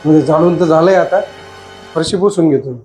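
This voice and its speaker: Exasperated man, high voice. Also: a little fast, darkish tone, faint music behind. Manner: pleading, exasperated, talks to himself. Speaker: husband in comedy sketch. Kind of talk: scripted comedy sketch acting.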